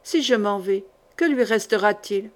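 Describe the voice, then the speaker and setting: A woman reading the lines of a gentle, devoted young woman in a historical audiobook, speaking softly and tenderly. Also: mid-range voice, moderate pace, natural voice.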